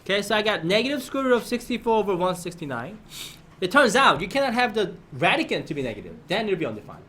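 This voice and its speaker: A man's voice: high voice, sing-song, quick pace, pushed and bright, a little hiss or hum. A man teaching a math lesson to his class, often prompting students with questions and checking that they follow.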